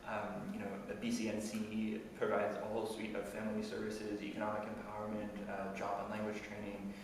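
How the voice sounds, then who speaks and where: A man moderating a Q&A, asking long questions in a measured, hesitant way. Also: fairly low pitch, monotone. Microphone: video call. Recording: echoey room, distant mic, audible noise.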